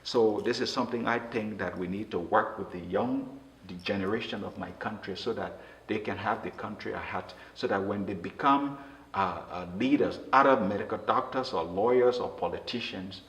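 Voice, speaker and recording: A man from Liberia, speaking earnestly in an interview and often halting and restarting his words. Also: lowish voice. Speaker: interview guest. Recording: roomy echo with faint noise.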